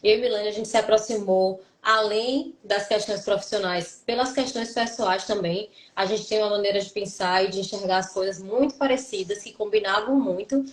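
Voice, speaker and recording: A woman's voice: mid-range voice, normal speed, few pauses. A woman psychologist from Salvador with a Bahian accent, talking earnestly and reflectively in a live stream conversation. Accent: Bahian Brazilian Portuguese. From Salvador, Bahia, Brazil. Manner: earnest, reflective, speaks in long runs with restarts. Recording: roomy echo.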